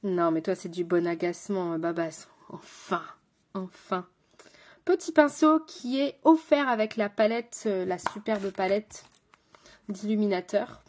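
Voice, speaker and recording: A woman's voice: medium pitch, expressive, measured pace, darkish tone. French woman, makeup artist, live stream chat, talks straight to viewers.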